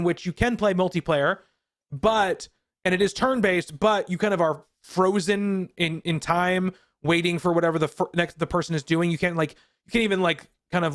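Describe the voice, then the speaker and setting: A man co-hosting a casual games podcast, his voice sitting a little higher than most men's. He rambles through his explanations with frequent ums and restarts. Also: a bit bright. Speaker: podcast co-host. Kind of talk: casual chat.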